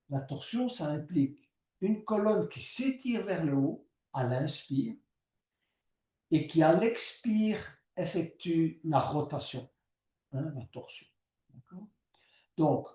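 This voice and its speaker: A male yoga teacher leads a class with calm, step-by-step breathing and movement cues. He speaks very slowly in a soft, mellow voice. He sounds set back from the mic, in a room with plenty of echo. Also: sits high, far from the mic. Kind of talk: guided yoga class instruction.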